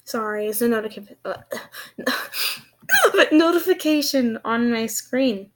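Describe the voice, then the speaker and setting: A young woman vlogger rambles casually in an unhurried voice that sits on the high side. Her lisp makes her s sounds slushy, close to sh, and she comes across as hesitant, giggly and self-deprecating.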